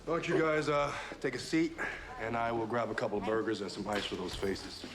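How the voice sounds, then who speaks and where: Man acting an easygoing, lowish-voiced protective guy. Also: steady tone, brisk, natural voice. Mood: dry, hospitable. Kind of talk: TV drama acting.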